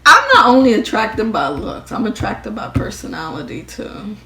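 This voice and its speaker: A woman's voice: medium pitch, very animated, normal speed, vocal fry, bright, forceful tone. A young woman chatting candidly and casually in a vlog. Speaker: vlogger. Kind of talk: casual chat. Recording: roomy echo with crowd noise.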